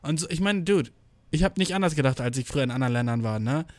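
A man's voice: fairly high pitch, lively intonation, fast, dry recording. A young man in a casual rambling monologue, heavy on slang and swearing. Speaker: vlogger. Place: indoors, travelling abroad.

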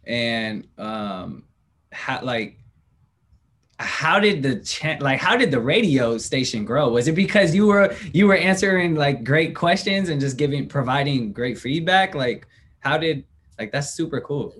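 A man hosting a casual podcast interview over a remote call. He asks his questions in a loose, rambling way, filling gaps as he goes, at a middle pitch for a man. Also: lively intonation, measured pace, a bit bright. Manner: loose, full of fillers and restarts. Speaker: podcast host.

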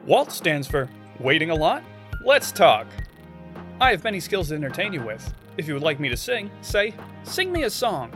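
A man's voice: fairly high pitch, very animated, moderate pace, fairly bright tone. A man voicing an overly cheerful pre-recorded hold-music tape that insists on entertaining callers. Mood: overeager. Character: chipper pre-recorded tape, male, pushy.

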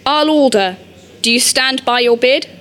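A woman's voice: sits high, normal speed, a bit bright, voice pushed up. A woman voicing a gleeful male slave auctioneer who calls out bids eagerly in a storybook reading.

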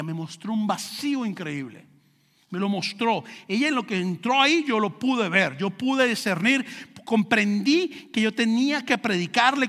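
A man's voice: high voice, pushed and bright, in a large hall. A man, a pastor preaching a sermon, telling a story and building to fervent emphasis.

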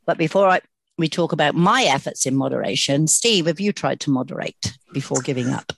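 A woman's voice: low-pitched, fairly quick, gravelly, breathy edge, no echo. A woman with a British accent hosting a podcast in a casual, chatty style. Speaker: podcast host. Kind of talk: casual podcast introduction and chat.

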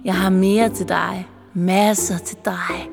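A woman voicing a scheming woman who turns into a lizard monster, speaking slowly and coaxingly in a children's audiobook. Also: mid-range voice, flat delivery, creaky, long reverb tail, over music, natural voice.

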